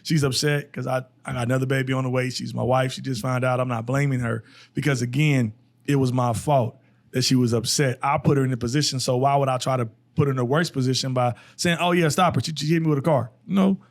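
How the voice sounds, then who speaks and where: A young man co-hosting a podcast, recounting his side in a calm, reflective way. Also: medium pitch, quick pace, creaky. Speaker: podcast co-host. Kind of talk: casual chat.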